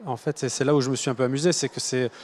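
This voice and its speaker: A man's voice: mid-range voice, fairly even intonation, very fast, a little mellow, a little hiss or hum. A man, a children's author, explaining his book in a hesitant, thoughtful way with frequent restarts. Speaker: author guest. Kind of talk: casual interview answers.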